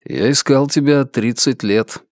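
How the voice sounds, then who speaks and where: A man's voice: mid-range voice, unhurried, no room sound, natural voice. A man voicing a blunt, skeptical male space pilot in an audiobook, close to his own voice.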